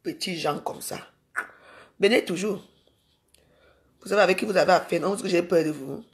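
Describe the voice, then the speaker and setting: A woman's voice: lowish voice, normal speed. A woman ranting in a live social media video. She is confrontational and scolding and keeps firing rhetorical questions at her viewers.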